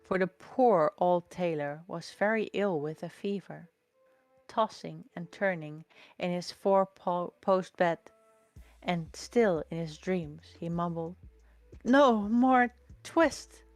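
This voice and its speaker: A woman reading a children's storybook aloud in a slow, gentle, expressive way. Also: fairly low pitch, no echo, faint music behind.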